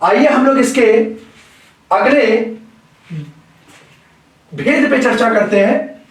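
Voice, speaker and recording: Echoey, high-voiced male teacher. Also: distant mic. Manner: slow, deliberate, repeats key phrases for emphasis. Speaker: Hindi grammar teacher. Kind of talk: classroom lecture. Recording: very echoey room, voice away from the mic.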